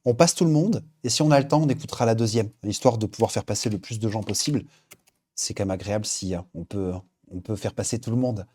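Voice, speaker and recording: A man chats casually as the host of a live stream. His voice is warm and mellow, and he keeps things relaxed and friendly, reading out viewer names and filling pauses with frequent hesitations. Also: on the low side. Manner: chatty, reads viewer names aloud, frequent fillers. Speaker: livestream host. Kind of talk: casual livestream chat.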